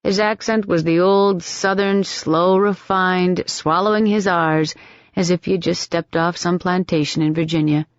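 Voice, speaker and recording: A woman narrating an audiobook in an even, steady storytelling manner. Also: on the low side, measured pace, dry recording. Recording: dull, dry audiobook recording.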